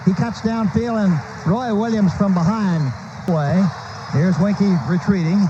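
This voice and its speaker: Calling football live on the radio from a stadium broadcast booth, an American play-by-play man with a high voice talks a little slowly. His clipped, running phrases build on the big plays, and the old recording is muffled and noisy.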